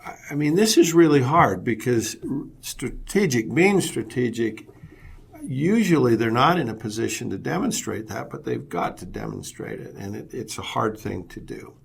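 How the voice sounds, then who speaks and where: A man's voice: mid-range voice, sing-song, normal speed, creaky, slightly rough. A man presenting a business webinar as a leadership consultant, telling anecdotes and often repeating words as he restarts.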